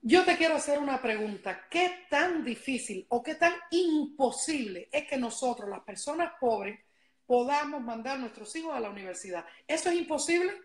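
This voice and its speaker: A middle-aged woman with a Cuban accent hosts a livestream, chatting casually and addressing viewers directly in an emphatic, repetitive way. Her voice sits high with lively intonation at a normal speed. She's in a large living room at home, using a wired earphone mic.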